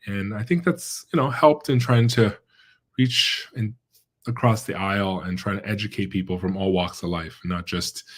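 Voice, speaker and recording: In a casual interview, a middle-aged guest epidemiologist talks with hesitation, lots of fillers and frequent restarts. He was born in China and raised in the American Midwest and central Pennsylvania. His pitch is fairly low and his tone fairly bright.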